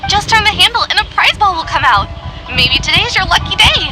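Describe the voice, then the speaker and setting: A woman's voice: very high-pitched, sing-song, brisk, very noisy. A woman playing a polite young lottery attendant who presents prizes in a video game. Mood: upbeat, formal. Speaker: lucky draw attendant. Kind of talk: scripted video game voice acting. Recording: game music loud behind.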